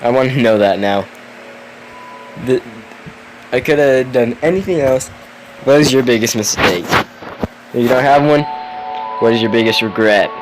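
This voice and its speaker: A man's voice: mid-range voice, animated, normal speed, long pauses, over music, rough recording. A tired young man reading a spooky story aloud, yawning, with chatty asides and the odd curse. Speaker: story reader.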